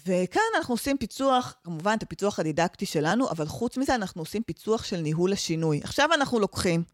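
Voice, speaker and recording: A woman's voice: mid-range voice, animated, no room sound, studio quality. A woman with an Israeli accent explaining in casual conversation as a guest expert, mixing in English professional terms. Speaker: guest expert on training development and change management.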